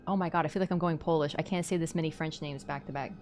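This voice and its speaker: A young woman from Canada chatting on a live stream, rambling, giggly and quick to apologize. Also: sits low, fairly even intonation, a little mellow, a little hiss or hum. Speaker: livestreamer. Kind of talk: casual live-stream chat.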